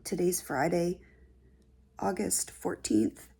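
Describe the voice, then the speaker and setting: A woman with a gravelly, husky morning voice, chatting casually for a vlog in a sleepy, low-key way. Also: expressive, slow pace, dark tone. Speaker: vlogger. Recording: clear ambient background noise.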